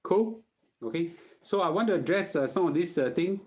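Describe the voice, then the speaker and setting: A man's voice: a little high, expressive, moderate pace, a little mellow. A middle-aged man with a Singaporean accent chats casually as a host answering questions, using colloquial Singlish phrasing and often checking in with "okay?". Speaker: host giving personal finance advice.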